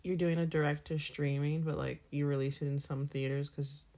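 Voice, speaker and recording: A woman's voice: low-pitched, little pitch movement, normal speed, warm tone. A young woman co-hosting a podcast, chatting in a jokey, chatty way. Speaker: podcast co-host. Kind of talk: casual chat.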